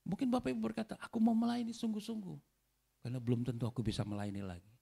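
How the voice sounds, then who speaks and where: A man preaching a sermon as pastor, animated and often calling out to the congregation. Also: high voice, racing, vocal fry, husky. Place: church hall.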